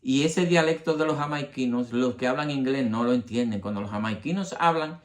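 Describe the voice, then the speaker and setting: A man's voice: medium pitch, fairly quick. A man from the Republic, hosting a history channel and explaining things to his viewers with examples. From Dominican Republic. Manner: addresses the audience directly, explains with examples.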